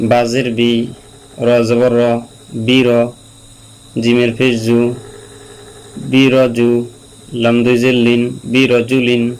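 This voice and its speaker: Man, Quran reading teacher, slow patient drill, flat even delivery, smooth clear voice, mains hum behind. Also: medium pitch, poor audio. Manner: patient, repeats syllables slowly for learners to follow. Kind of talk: slow spelled-out recitation lesson.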